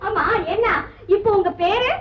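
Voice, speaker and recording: An actress playing a nagging, sharp-tongued young wife in a 1970s film comedy, swinging between laughter and sobs. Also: female voice, very high voice, animated, takes it slowly, full character voice. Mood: scolding. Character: fed-up young wife of a turncoat husband. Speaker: exasperated wife. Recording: dull old film soundtrack.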